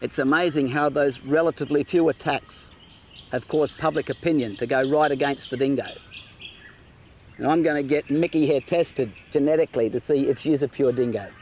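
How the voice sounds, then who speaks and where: A man's voice: medium pitch, normal speed, a little mellow, highs cut off, a little hiss or hum. A man presenting outdoors in an easygoing way and chatting to his dog. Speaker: wildlife presenter. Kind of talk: presenting to camera.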